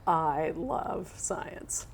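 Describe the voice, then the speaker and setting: A woman's voice: lowish voice, animated, drawn-out words, gravelly, a little hiss or hum. A middle-aged woman, a school superintendent, hosting an interview in an encouraging way.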